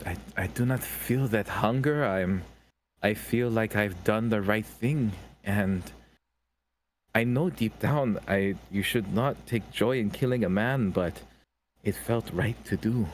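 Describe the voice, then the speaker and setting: A man's voice: fairly low pitch, takes it slowly. A man playing his tabletop character, talking hesitantly with stammering restarts. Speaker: player. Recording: faint background noise on the mic.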